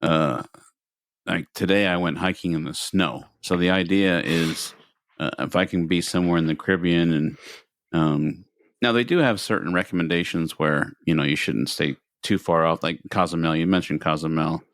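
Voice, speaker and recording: A man's voice: sits low, normal speed, no room sound, studio quality. A man co-hosting a podcast, chatting casually in a rambling way and repeating words as he thinks. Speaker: podcast co-host. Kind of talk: casual chat.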